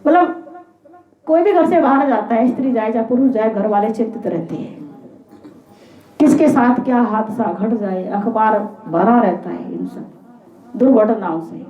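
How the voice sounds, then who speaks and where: A woman's voice: on the high side, unhurried. A woman telling a devotional scripture story at a religious gathering, in a dramatic and emphatic way. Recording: echoey, tinny phone-like sound.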